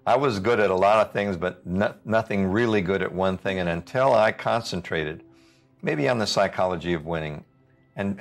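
A man giving a motivational talk in an explanatory, anecdotal way. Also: low-pitched. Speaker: motivational speaker. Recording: music behind the voice. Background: background music.

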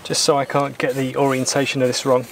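A man in his thirties talks through a boat repair in a calm, methodical way, now and then blunt in his opinions. His pitch stays level and even. The outdoor camera mic picks up a faint background hum. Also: fast, gravelly. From Britain. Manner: calm, methodical, plain-spoken, mildly opinionated. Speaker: sailor doing boat repairs. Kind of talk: explaining repair steps while working. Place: outdoors in a garden workshop.

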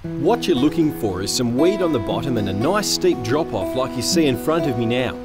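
An Australian man narrates a fishing show in scripted voice-over. His delivery is lively and swings up and down in pitch. Loud plucked guitar music plays under him. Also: a little fast.

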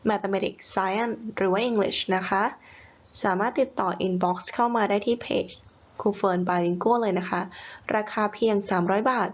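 A woman tutor running a vocabulary quiz lesson, explaining each word patiently and clearly. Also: mid-range voice, steady tone, unhurried, highs cut off.

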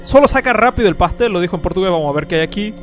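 Lively, crude young male game commentator. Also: sits high, rapid-fire, soft background music. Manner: profane, joking, puts on silly voices. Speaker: gameplay commentator. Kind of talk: crude comedic let's play commentary.

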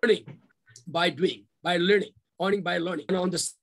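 A middle-aged man speaks with a clear Nepali accent in a high voice with a creaky edge. He presents slides over a video call, moving haltingly and repeating his phrases as he explains. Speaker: university official presenting a development plan. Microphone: video call microphone.

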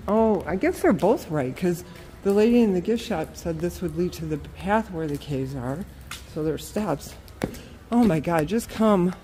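A woman vlogger hikes a wooded outdoor trail, filming on a handheld phone and chatting casually, breathless from the climb, exclaiming often and laughing. Her voice is fairly low, dark, animated, and unhurried, with soft background music underneath.

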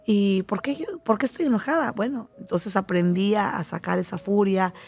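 A middle-aged Mexican woman speaks as a talk-show guest, her voice slightly gravelly. She tells personal stories animatedly, slipping into the voices of the people she quotes. Faint music plays underneath. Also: medium pitch, normal speed, a little mellow. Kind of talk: casual talk show conversation.

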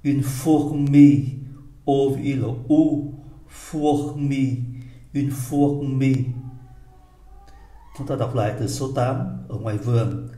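A man teaching French vocabulary to learners, repeating each word slowly and explaining how it is spelled and pronounced. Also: medium pitch, steady tone, dark tone. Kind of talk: slow vocabulary drill lesson. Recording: echoey room.

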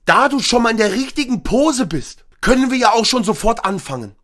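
A man streaming, who reads a story aloud and chats casually, talking loudly and boisterously and breaking into shouts. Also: extremely high pitch, expressive, brisk. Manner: loud, boisterous, bursts into shouts. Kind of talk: reading a story aloud, then casual chat.

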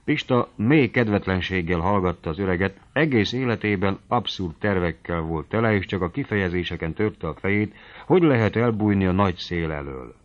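Male audiobook reader, low and steady, calm literary narration on muffled audio.

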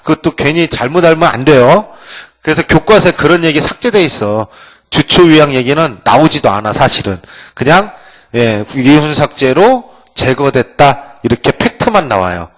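Lively, playful male history lecturer. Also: fairly high pitch, moderate pace. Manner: playful, acts out quotes. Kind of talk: humorous classroom lecture. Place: lecture room.

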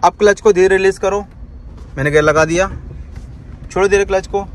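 A high-voiced man teaches driving from the passenger seat, repeating each instruction and checking in with a quick "okay" after it. The faint hum of the car and the street sits behind his voice. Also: fairly even intonation. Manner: instructive, repeats commands, tags lines with "ठीक है". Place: inside a car on the road.

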